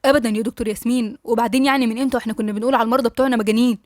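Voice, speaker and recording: Brief: polite hesitant man doctor, egyptian accent, read by a woman in her own high quick voice. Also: steady tone, a little mellow, dry recording, clean studio sound, lightly acted. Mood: careful. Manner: careful, polite. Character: hesitant gentle male doctor.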